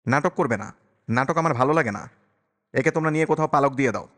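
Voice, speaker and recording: A man voicing a harsh, bitter young mother who snaps back with sharp, fast retorts. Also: on the high side, smooth, voice pushed up, lightly acted. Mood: bitter angry. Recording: long reverberant echo.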